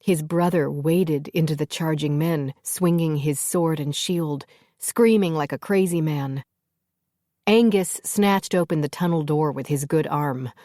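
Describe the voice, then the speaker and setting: Woman narrator, fantasy audiobook, low voice, dry studio sound, steady. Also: measured pace, dry recording.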